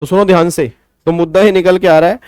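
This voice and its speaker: A man in his thirties teaching an accounting exam class, animated and digressive, slipping into jokes and mimicry. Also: sits high, fast, smooth, no echo. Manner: animated, digressive, mimics baby talk and sings snatches. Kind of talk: lively classroom lecture.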